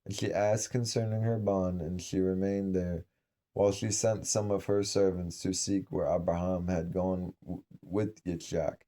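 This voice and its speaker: A man reading aloud from an old scripture in a measured, solemn way, with occasional slips and restarts. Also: deep voice, little pitch movement, dark tone. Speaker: scripture reader.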